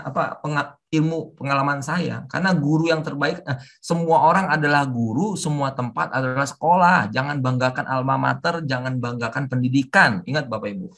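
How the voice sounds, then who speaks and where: A middle-aged man giving a webinar lecture with forceful, emphatic intonation, mixing in English terms. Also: medium pitch, vocal fry. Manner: mixes English terms into talk. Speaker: civil service trainer. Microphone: online webinar audio.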